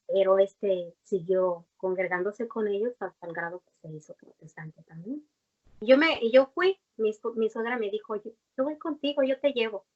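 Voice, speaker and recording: A young woman gives a heartfelt personal faith testimony in conversation, earnest and rambling, with many fillers and restarts. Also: mid-range voice. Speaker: guest giving a faith testimony. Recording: dull lo-fi recording.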